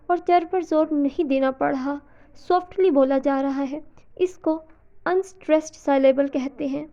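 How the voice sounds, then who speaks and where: A woman's voice: high-pitched, warm tone, highs cut off. A woman teaching a literature lesson, explaining step by step and reassuring her viewers. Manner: explanatory, reassuring students, stresses syllables when modeling. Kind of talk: recorded lesson in mixed Hindi-Urdu and English.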